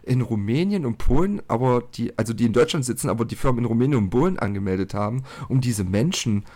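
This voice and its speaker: A man's voice: medium pitch, expressive, quick pace, a little mellow. A man casually telling a personal story on a podcast, chatty and colloquial. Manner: chatty, colloquial, often says "halt" and "so".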